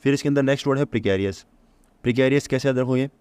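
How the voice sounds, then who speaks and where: A man's voice: mid-range voice, very fast, darkish tone, smooth, dry recording. A man teaching a vocabulary lesson for exam prep. He keeps asking the listener rhetorical questions, answers them himself, and repeats each memory trick. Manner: repeats key points to drill memory tricks.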